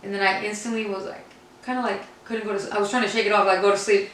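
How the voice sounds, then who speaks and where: A woman speaks in a casual, candid storytelling way, like a podcast co-host sharing personal experience. Her mid-pitched voice rings in a very echoey room, picked up from a distance with faint noise. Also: steady tone, rapid-fire, fairly bright tone. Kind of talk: casual personal faith conversation.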